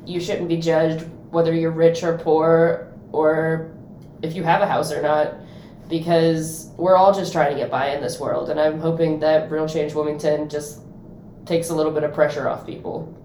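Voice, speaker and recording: Low, flat-voiced woman, dry humor. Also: normal speed. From Ohio, USA. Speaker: podcast co-host. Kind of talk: casual podcast chat. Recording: roomy, faint background noise.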